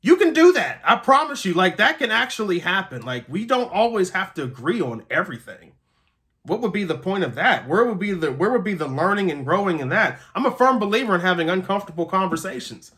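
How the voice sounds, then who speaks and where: A man's voice: high-pitched, a bit bright. A man delivering an earnest motivational pep talk as a host, emphatic, repeating key phrases and checking in with listeners.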